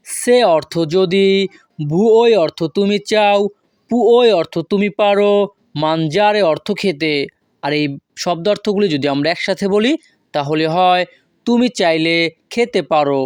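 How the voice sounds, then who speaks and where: A woman teaching a language lesson from a script, saying each phrase slowly and breaking it into single words. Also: lowish voice, no room sound, clean studio sound. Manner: slow, careful, spells out words one by one.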